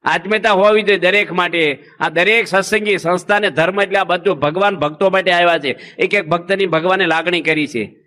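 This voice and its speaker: A monk delivering a folksy sermon, telling stories and asking the audience rhetorical questions. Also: male voice, high voice, a little fast, bright, forceful tone.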